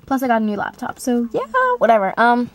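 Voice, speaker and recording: A woman's voice: a little high, fairly even intonation, brisk. A woman with newly fitted braces, chatting casually and breezily as an amateur voice actor, rambling to camera.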